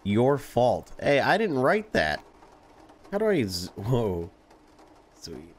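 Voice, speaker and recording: A young man streaming a game playthrough reads dispatcher lines aloud bluntly and casually, reacting as he goes. His mid-range voice swoops wildly in pitch, and he speaks slowly.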